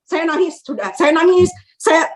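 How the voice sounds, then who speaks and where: High-voiced older woman giving a testimony. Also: moderate pace. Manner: animated, acts out prayers, laughs and hesitates often. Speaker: church member sharing a testimony. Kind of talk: emotional personal testimony. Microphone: video call.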